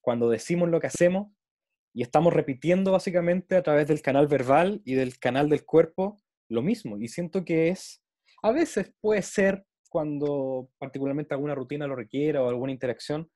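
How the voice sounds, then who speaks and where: A man's voice: a little high, normal speed, mellow, dry recording, clean studio sound. A man in reflective casual conversation, speaking earnestly and at length, often doubling small linking words as he builds his thought.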